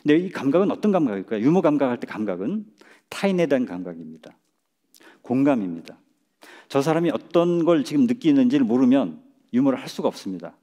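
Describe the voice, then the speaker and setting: A middle-aged man giving a public lecture on a stage, speaking in a measured way and chuckling at his own jokes. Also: medium pitch, very animated, warm tone. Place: lecture stage before an audience.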